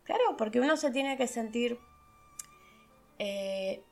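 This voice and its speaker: A woman's voice: on the high side, animated, slow pace, creaky, soft background music. A middle-aged woman, talking casually as a podcast host, laughing and acting out the voices of people she quotes. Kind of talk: casual reflective monologue.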